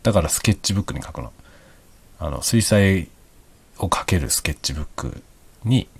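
A middle-aged man chatting casually and quietly, as if late at night, in an easygoing, explanatory way. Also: very animated, normal speed, husky, no room sound. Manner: speaks quietly in a hushed, low night-time voice. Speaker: hobby vlogger.

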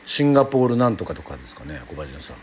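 A low-pitched, darkish voice races along with big pitch swings as this middle-aged Yoron Island man, from Japan, runs a casual livestream on the radio. He chats, makes self-deprecating jokes and answers comments from listeners. There's a little hiss or hum in the audio.

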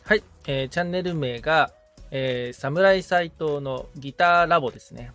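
A guitar repairman who assists on a podcast answers the host's questions in relaxed interview chat. His voice is fairly high and a bit bright, his pace moderate, with faint music in the background.

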